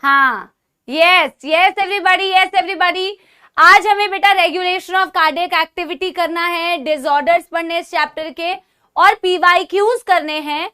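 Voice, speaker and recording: A woman with a very high, pushed and bright voice teaches slowly in a live online biology class, her throat sore. She switches between Hindi and English phrases, calls her students "beta," and checks in with "theek hai?" after nearly each point.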